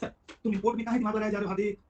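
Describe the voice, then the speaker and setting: A man teaching a live online tax class, talking quickly and calling on students by name. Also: sits high, little pitch movement, darkish tone, highs cut off, slight background noise. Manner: rapid, chatty, addresses students by name. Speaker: GST teacher.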